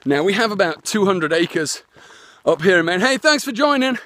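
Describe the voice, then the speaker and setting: A man's voice: high voice, sing-song, moderate pace, fairly bright tone. A man chatting in a rambling way, full of fillers and restarts, while live-streaming on his phone outdoors on a walk. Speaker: internet marketer. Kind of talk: live-streamed walking vlog. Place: outdoors, walking his land.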